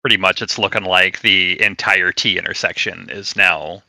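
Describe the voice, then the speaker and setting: A man's voice: low voice, fairly even intonation, normal speed, vocal fry, pushed and bright, no room sound, rough recording. A man chatting casually as a player in a tabletop game.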